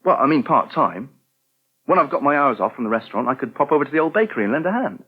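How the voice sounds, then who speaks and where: In a vintage British radio soap, a young English restaurant worker comes across as helpful and touchy, earnest in mood. His rough-edged voice is very lively in pitch, delivered briskly and plainly. The sound is thin and band-limited, like an old broadcast tape.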